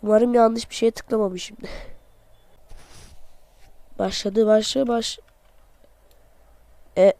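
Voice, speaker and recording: A man narrates his game in a lighter, higher voice than most men, with no rush in his words. He is sick, so his voice sounds a little off, but he stays playful and excitable, laughing at himself. The sound is close and dry. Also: extremely slow, vocal fry, long pauses, smooth, no room sound. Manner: playful, excitable, jokey, talks to himself while playing; self-mocking. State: voice off from being sick. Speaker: gamer, channel host. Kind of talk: excited let's-play commentary.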